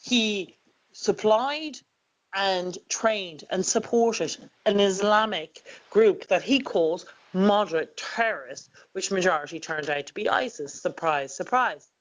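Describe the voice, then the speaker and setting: Host, mid-pitched voice, brisk and insistent, frequent ums. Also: low-quality recording. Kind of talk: political talk show interview.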